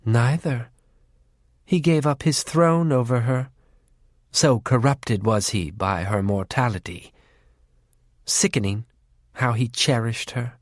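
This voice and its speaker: A man voicing a cruel, war-loving female faery who taunts her sister in a low, menacing voice that drifts into whispers. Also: slow, pauses often, no echo, clean studio sound. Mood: taunting.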